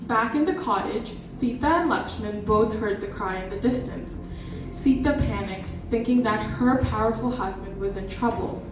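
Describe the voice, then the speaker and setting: Storybook narrator, woman, steady read, heard from a distance with music under it. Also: fairly high pitch, normal speed. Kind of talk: scripted storytelling narration for a stage dance drama. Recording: echoey hall from far off, music behind.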